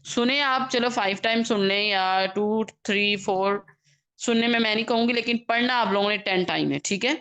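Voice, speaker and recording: A woman teaching Quran recitation in an online class, checking in often with her students and stretching out each letter sound slowly as she demonstrates. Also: medium pitch, a bit bright, clear, resonant tone.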